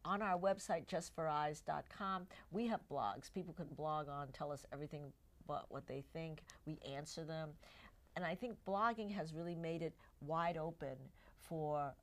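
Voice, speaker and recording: In a TV studio, a middle-aged woman who is both an eye doctor and a show host leads a health talk program, chatting with guests and often getting them to agree. She speaks with a deep voice at normal speed, and her first language is Cantonese.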